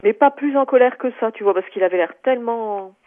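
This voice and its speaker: A woman with a slightly high voice phones in to recount a personal experience, talking fairly quickly. She hesitates often, filling gaps and restarting, and the line sounds tinny.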